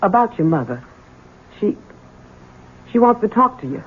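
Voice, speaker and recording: Husky, anxious servant woman. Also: medium pitch, big pitch swings, normal speed. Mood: timid, pleading. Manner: hesitant, respectful. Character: deferential, anxious, kindhearted female household servant. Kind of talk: 1970s radio drama acting. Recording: tinny old radio broadcast.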